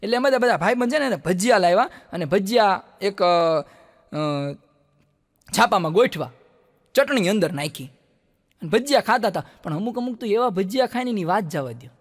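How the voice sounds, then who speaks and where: Stand-up comic, Kathiyawadi accent, high bright voice, long reverb of a stage hall. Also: male voice, normal speed. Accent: Kathiyawadi Gujarati. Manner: lively storyteller who acts out the people in his jokes. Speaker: stand-up comedian. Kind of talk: stand-up storytelling jokes.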